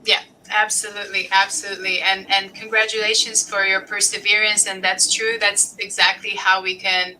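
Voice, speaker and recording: A woman's voice: medium pitch, level tone, normal speed, few pauses, pushed and bright, a little hiss or hum, rough recording. A middle-aged woman from Lebanon hosting a podcast interview, talking casually with many fillers and restarts. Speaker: podcast host.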